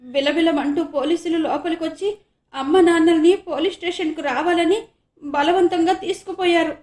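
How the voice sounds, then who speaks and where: A woman voicing a frantic, tearful young college student in an audiobook, pitching her voice high and loud. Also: fairly even intonation, normal speed, roomy sound. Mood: frantic crying.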